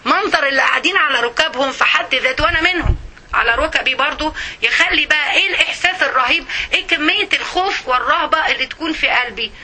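A woman with an Egyptian Arabic accent giving an emotional religious lesson to women, often pausing to check that her listeners follow. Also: high-pitched, sharp tone, slight background noise. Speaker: religious teacher.

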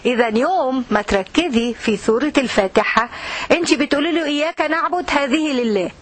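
A woman's voice: high voice, a little fast. A woman with an Egyptian Arabic accent giving a religious lesson to women, speaking earnestly and straight to her listeners. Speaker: religious teacher.

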